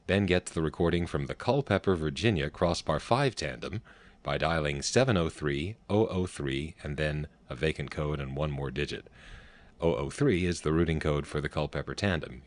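Very deep-voiced man narrating technical explanations. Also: no echo. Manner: technical, precise. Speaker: narrator of telephone history recordings.

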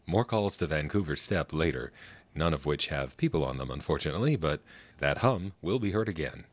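A man with a strikingly deep, low-pitched voice narrates in an explanatory style. His delivery is technical and precise, setting out details step by step. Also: animated, fairly quick. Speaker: narrator of telephone history recordings.

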